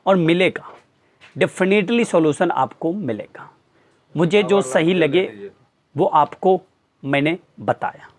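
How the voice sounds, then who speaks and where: A man's voice: sits high, slow pace, long pauses. A man, a teacher, earnestly lecturing his students with pointed rhetorical questions. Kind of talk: motivational talk to students.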